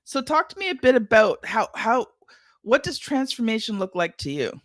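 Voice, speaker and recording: Brisk woman podcast host, dry sound. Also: fairly high pitch, sing-song, no room sound. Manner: brisk, affirming. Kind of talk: interview hosting.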